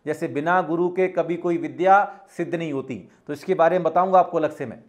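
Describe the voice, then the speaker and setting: A man giving a spiritual teaching talk, measured and instructive, repeating his key points. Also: a little high.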